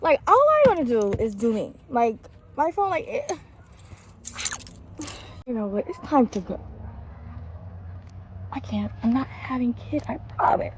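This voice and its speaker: A woman's voice: fairly high pitch, very animated, a little slow, pauses often, very noisy. A woman from Dallas, Texas, chatting casually outdoors for a vlog, scolding and soothing a child between remarks to viewers. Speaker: vlogger. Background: music.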